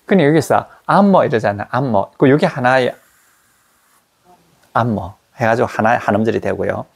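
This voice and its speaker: Gravelly man teaching English pronunciation. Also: mid-range voice. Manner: repeats English words slowly to model pronunciation. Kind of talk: classroom grammar lecture.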